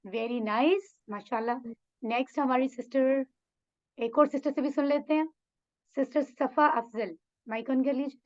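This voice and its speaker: A woman's voice: sits high, steady tone, measured pace, lo-fi sound. A woman teaching an online Arabic class, encouraging her students and mixing English phrases into her Urdu. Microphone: video call mic.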